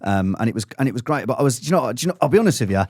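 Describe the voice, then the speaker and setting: Fast, lively man telling stories. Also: medium pitch, no room sound, clean studio sound. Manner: animated storytelling, laughing. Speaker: podcast host. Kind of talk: casual chat.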